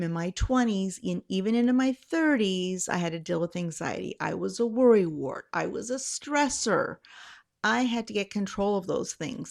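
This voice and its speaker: A woman's voice: mid-range voice, creaky, darkish tone. A middle-aged woman hosting a channel, explaining tips in a casual, conversational way, rambling a little and correcting herself as she goes. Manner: rambling, self-correcting, chatty. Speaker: channel host sharing anxiety tips.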